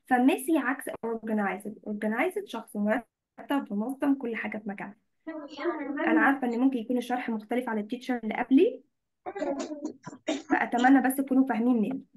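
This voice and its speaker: A woman's voice: a little high, quick pace, a little mellow. A woman with an Egyptian accent teaching English vocabulary in an online class. She switches between Arabic and English and often checks that students follow.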